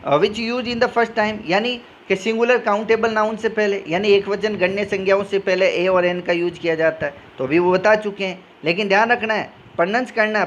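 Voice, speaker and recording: A man's voice: high-pitched, a bit bright, lo-fi sound, slight background noise. A male teacher with a Rajasthani Hindi accent giving a grammar lesson, explaining step by step and answering his own questions. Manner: switches between reading English rules and explaining in Hindi.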